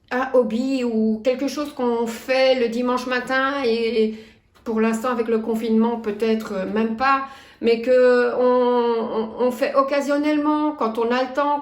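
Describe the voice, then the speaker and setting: In a church with an echoey sound, a woman in her fifties with a Belgian French accent delivers a sermon and reads scripture aloud. Her voice sits on the high side, and her manner is earnest and measured.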